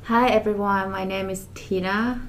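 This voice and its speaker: A woman's voice: mid-range voice, fairly even intonation, moderate pace, slight background noise. A woman from Chongqing giving a brief introduction on a podcast. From Chongqing, China. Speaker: social media coordinator. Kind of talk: casual podcast chat.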